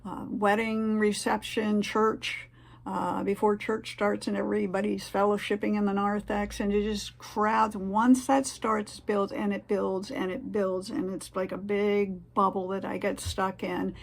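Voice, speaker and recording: A woman's voice: medium pitch, little pitch movement, a little slow, gravelly. A woman giving casual, earnest advice to the camera, rambling a little with fillers and restarts. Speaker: vlogger sharing tips.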